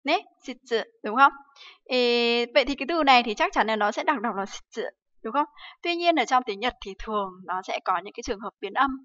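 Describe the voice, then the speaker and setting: Here the Vietnamese Japanese teacher sounds animated and fairly quick, her fairly high voice carrying a bright tone. Rhetorical questions and frequent fillers run through her livestream lesson. The sound is dry and slightly dull.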